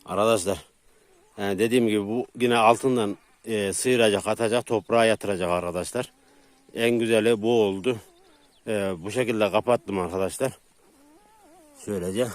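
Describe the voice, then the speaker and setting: A man's voice: lowish voice, steady tone, fairly quick, dry recording. A man talking casually to his viewers while tending dogs outdoors in the countryside, addressing them as friends. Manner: plain, chatty, keeps addressing viewers as friends. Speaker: vlogger and dog keeper. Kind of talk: casual vlog talk to viewers.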